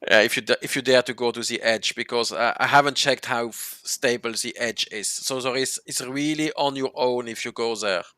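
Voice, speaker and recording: A man hosting a casual chat, halting and restarting often as he explains local words. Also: mid-range voice, bright, forceful tone, no room sound, clean studio sound. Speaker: host.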